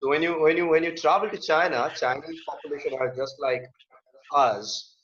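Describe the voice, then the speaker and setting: A man hosting an online interview, speaking haltingly with frequent fillers. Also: on the high side, fairly bright tone. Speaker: host. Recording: dull lo-fi call audio.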